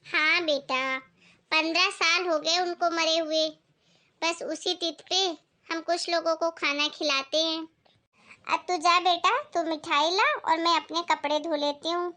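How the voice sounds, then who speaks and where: A woman voicing a gentle elderly grandmother in a comedy family skit, speaking softly and slowly. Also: extremely high pitch, steady tone, heavily acted. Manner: soft, slow and pleading. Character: elderly grandmother, meek and gentle mother-in-law.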